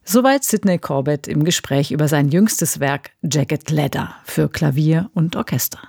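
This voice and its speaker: A woman's voice: low voice, measured pace, vocal fry, a little mellow, husky, no echo, clean studio sound. A woman hosting a radio program, asking probing questions and announcing the next piece. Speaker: radio host.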